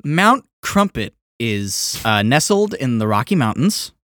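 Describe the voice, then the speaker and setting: A man's voice: medium pitch, big pitch swings, a little slow, fairly bright tone, no echo. A man co-hosting a podcast, spinning a playful plan and laughing often in casual chat. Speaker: podcast co-host.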